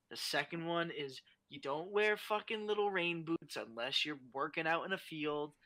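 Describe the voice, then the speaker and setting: A man's voice: sits high, pushed and bright. A young adult man talking as a guest in a casual podcast chat, ranting animatedly and swearing a lot.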